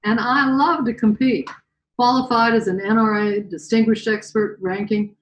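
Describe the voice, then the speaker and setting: Folksy older woman telling a story. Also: mid-range voice. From western United States. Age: around 70. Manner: folksy, candid, chatty asides. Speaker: guest speaker. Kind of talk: personal storytelling talk. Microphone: video call. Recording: roomy echo.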